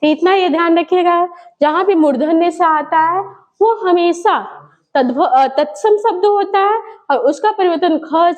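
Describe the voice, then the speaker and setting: A woman. She poses questions and answers them herself, drilling key words again and again. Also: very high voice. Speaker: Hindi grammar teacher. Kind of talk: classroom lesson.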